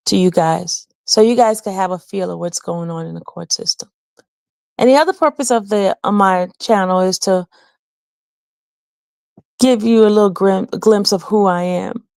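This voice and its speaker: Her mid-range, darkish voice carries vocal fry, captured in a dry recording. She's a channel host from Haiti chatting casually and sincerely with her livestream audience, occasionally replying to the chat.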